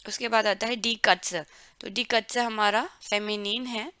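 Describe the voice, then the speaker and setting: A woman explains German words to learners, stretching each word out and repeating it for pronunciation. Her voice is bright and crisp, and she speaks slowly. The sound is close and dry, with no room around it. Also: a little high, steady tone, no echo. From India. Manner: drawn-out, careful word-by-word pronunciation drills. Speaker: German language teacher. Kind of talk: explaining vocabulary to learners, mixing Hindi and English.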